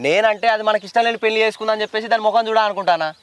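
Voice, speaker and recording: An actor playing a stubborn young village son back from abroad, with a Telangana accent. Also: male voice, high voice, fairly even intonation, rapid-fire, fairly bright tone. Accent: Telangana Telugu.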